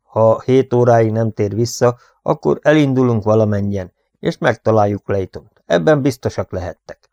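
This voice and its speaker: Egy férfi, aki egy indulatos, fenyegető öreg farmert szólaltat meg egy hangoskönyvben, parancsoló, nyers modorban. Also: male voice, lowish voice, mellow, no room sound, muffled recording, close to an everyday voice. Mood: menacing. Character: old hot-tempered male rancher, threatening.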